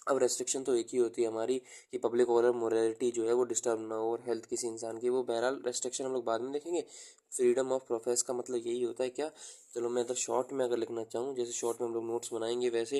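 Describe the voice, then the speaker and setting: A young man giving an exam-prep lecture in a mellow, fairly flat voice. He talks slowly, repeats key terms as he writes them down, and mixes Hindi with English terms. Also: medium pitch. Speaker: teacher.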